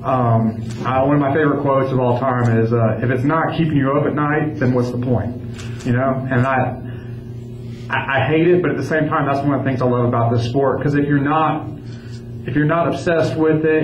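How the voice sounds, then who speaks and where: A man's voice: medium pitch, steady tone, brisk. A male fighter talks conversationally at a press conference, with a mid-range voice. The recording is echoey and slightly dull. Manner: conversational, frequent "you know". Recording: echoey room, dull sound, faint noise.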